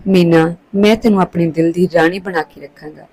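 A woman's voice: lowish voice, steady tone, brisk, darkish tone, close to an everyday voice, low-quality recording. A woman reading the lines of a lecherous, menacing fake holy man in a storybook tale. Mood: coaxing.

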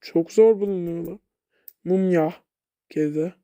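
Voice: mid-range voice, a little slow, warm tone, no room sound, studio quality. A game vlogger giving casual gameplay commentary, chatty and talking back at the game, sometimes dropping to a mutter.

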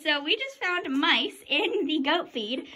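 A woman's voice: high voice, very animated, unhurried, pushed and bright. A teenage girl casually narrating a farm vlog on a handheld phone, chatty and giggly with lots of ums. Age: teens. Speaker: vlogger. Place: outdoors on a farm, barns and pens. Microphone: handheld phone camera.

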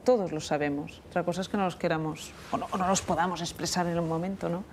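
A woman's voice: fairly low pitch, steady tone, fast talker, darkish tone, a little hiss or hum. A woman host talking in a casual, encouraging and teasing way. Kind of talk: casual chat. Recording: crowd chatter behind.

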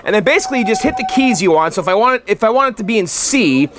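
A channel host casually walks through how he built a song at his home studio computer, chatty and full of fillers and restarts as his synth tracks play clearly behind him. His voice is high-pitched with lively intonation, and he talks rapid-fire over some background noise.

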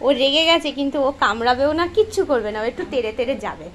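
A woman's voice: high voice, lively intonation, fast. A woman filming her dog at a family home, coaxing and teasing it and talking to it like a child. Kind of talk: casual chat to her dog.

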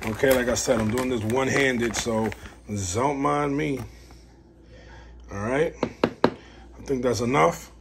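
Chatty man in a noisy home video. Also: mid-range voice. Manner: rambling and chatty, talks while working. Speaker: dog breeder. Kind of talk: casual how-to vlog.

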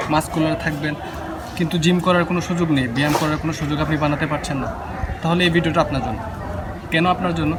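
A man giving instructional workout narration as a fitness instructor, explaining things directly to the viewer. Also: fairly high pitch. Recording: loud urban ambient noise.

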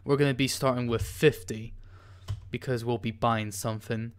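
A man's voice: mid-range voice, fairly even intonation, moderate pace, clear, resonant tone. A man hosting a casual coding tutorial, talking through his screen with many ums and restarts as he types. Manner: casual, hesitant, many ums while typing. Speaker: tutorial host.

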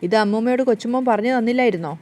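A woman voicing a bold, defiant young woman who scolds and challenges, in quick plain delivery. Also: a little high, darkish tone, lightly acted.

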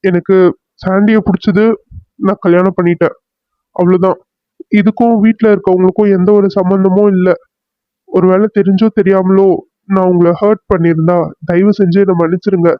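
A man's voice: high voice, flat delivery, normal speed, long pauses, no room sound, natural voice. A man voicing a polite young husband in a cartoon serial, earnest and apologetic, mixing in English words. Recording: dry, muffled lo-fi recording.

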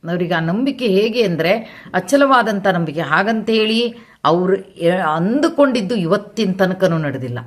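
Woman, devotional vlogger, earnest personal testimony, repeats herself, mid pitch. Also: fairly bright tone. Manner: earnest, repetitive, addresses listeners as amma.

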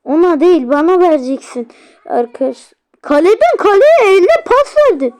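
A woman hosting a gaming channel, giving excited let's-play commentary, crying out and grumbling at the game and talking straight to viewers. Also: very high-pitched, normal speed. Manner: talks to viewers directly.

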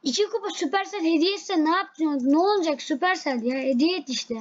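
A woman commenting live on her own gameplay, excitable and easily frustrated, repeating herself as she plays. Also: very high voice, a little fast, lo-fi sound. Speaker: game streamer.

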